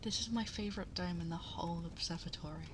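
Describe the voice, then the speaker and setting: A woman playing a gentle, motherly, ageless cosmic princess in an ASMR bedtime roleplay, speaking tenderly and reassuringly, often in a breathy half-whisper, close to the microphone. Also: on the low side, quick pace, slight background noise, lightly acted. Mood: tender, storytelling. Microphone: close binaural 3Dio microphone.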